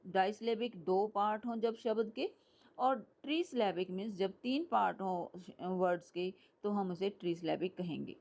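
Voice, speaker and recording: Slow, patient woman teaching. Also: medium pitch, a little mellow, dull audio. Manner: explains step by step, often checks "clear?". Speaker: English teacher. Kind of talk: classroom lecture mixing Hindi and English.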